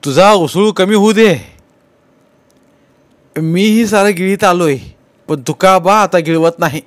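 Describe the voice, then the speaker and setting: A stern, fed-up old village man, as a male narrator puts him on, scolds loudly and with force. The voice sits high and strained in this storybook reading, a simple clean recording. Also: measured pace, dry recording. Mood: stern, scolding.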